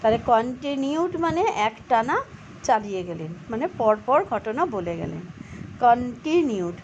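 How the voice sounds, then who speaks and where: A woman teaching children to read English, reading each line very slowly and then explaining spelling and pronunciation. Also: big pitch swings, a little mellow. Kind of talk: bilingual reading lesson for children. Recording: slightly dull low-fi recording with faint background noise.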